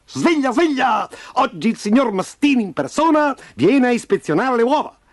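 A man voicing a bossy, strutting male rooster drill sergeant, barking shrill orders in a storybook reading. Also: very animated, normal speed, dark tone, dry recording, studio quality.

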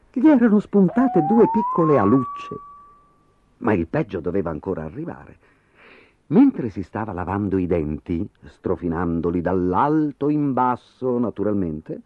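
A man reading a children's story aloud as narrator, in a playful, expressive way. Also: slightly rough. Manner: very animated, playful reading with sudden pitch swings. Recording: dry, tinny phone-like sound with faint music.

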